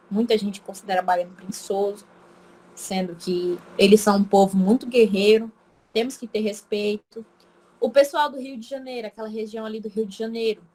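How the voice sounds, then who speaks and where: A woman teacher with an Acre Brazilian accent, giving a remote class lecture in a chatty way and constantly checking in with her students. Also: a little high. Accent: Acre Brazilian Portuguese.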